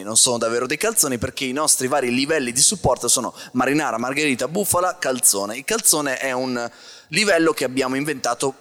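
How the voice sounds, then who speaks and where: A man hosting a live podcast in casual chat, explaining things haltingly with dry jokes. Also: mid-range voice, a bit bright. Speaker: podcast host. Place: live show in a church.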